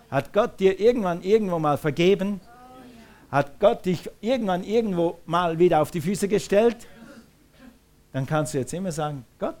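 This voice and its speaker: A man's voice: fairly high pitch, darkish tone. Male pastor, emphatic sermon delivery with call-and-response. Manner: emphatic, repeats phrases, calls for responses.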